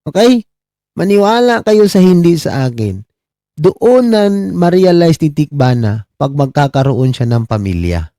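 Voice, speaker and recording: A middle-aged Filipino man livestreams from abroad, casually mocking his subjects, repeatedly asking "di ba?" and giving viewers shout-outs. His voice is on the high side with big pitch swings and a slightly slow pace.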